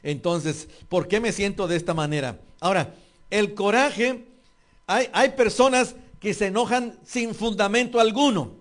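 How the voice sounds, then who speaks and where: A man's voice: sits high, unhurried. A man preaching a sermon, earnest and repetitive, speaking straight to his congregation.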